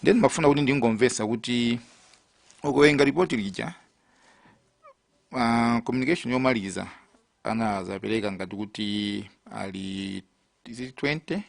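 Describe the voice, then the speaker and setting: A Malawian man putting formal questions at a hearing as a committee member, hesitant and deliberate in his delivery. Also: medium pitch, creaky, dry recording.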